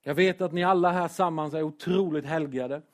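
A pastor preaches in church with earnest emotion, rising to shouts when he presses a point. His voice sits a little high for a man. He breaks up the heavy moments with self-deprecating humor. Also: steady tone. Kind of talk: sermon.

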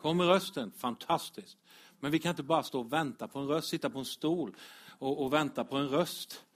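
A man preaching a lively, direct sermon as pastor to his congregation. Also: on the high side. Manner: animated, direct, addresses congregation, chuckles.

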